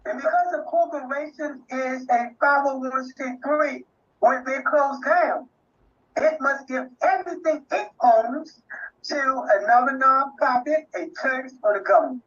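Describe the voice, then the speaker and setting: A man in his sixties closing a live online class as the instructor, halting and full of fillers and restarts. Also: extremely high pitch, a bit bright, lo-fi sound. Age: 60s.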